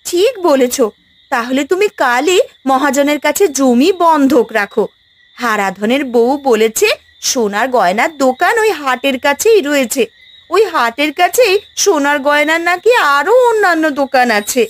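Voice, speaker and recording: A woman's voice: high voice, animated, moderate pace. A woman voicing a covetous young village wife in a cartoon, complaining and full of self-pity. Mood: eager. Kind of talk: cartoon voice acting.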